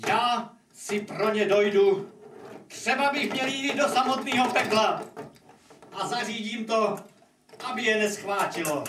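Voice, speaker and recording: A man's voice: sits high, close to an everyday voice. A man voicing a hapless, good-hearted poor hero in a puppet fairy tale, folksy and plaintive. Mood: dismayed, determined. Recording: echoey room, distant microphone, noisy.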